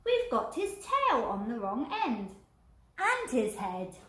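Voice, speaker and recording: Little storybook skeleton, played by a woman, childlike and mischievous, high and very animated, echoey room. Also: takes it slowly, full character voice. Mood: bright, mischievous. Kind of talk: children's picture book read-aloud. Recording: roomy, echoing indoor sound.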